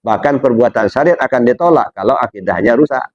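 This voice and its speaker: A man giving a religious study lecture, asking his listeners rhetorical questions and jumping up in pitch to stress his points. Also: expressive, fast talker, a little mellow, no room sound, dull audio. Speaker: Islamic religious teacher.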